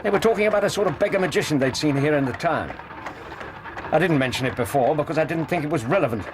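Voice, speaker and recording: An actor playing a loyal, practical English gentleman doctor in a radio drama, with a dry, mildly put-upon manner. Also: fairly high pitch, animated, fast, noisy background, lightly acted. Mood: quietly pleased.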